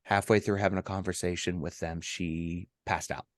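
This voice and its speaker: Low-voiced man telling a personal story. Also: flat delivery, dry recording. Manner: halting, with many ums and restarts. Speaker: podcast co-host.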